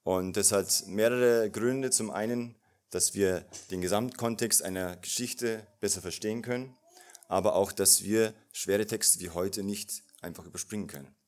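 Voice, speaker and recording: A man's voice: fairly low pitch, fairly even intonation, moderate pace, a little mellow. A male pastor preaching a sermon in a casual, personal way with fillers.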